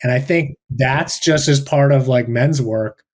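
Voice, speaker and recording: A male teacher with a mid-range voice shares personal reflections over a video call. He is thoughtful and halting, restarting often.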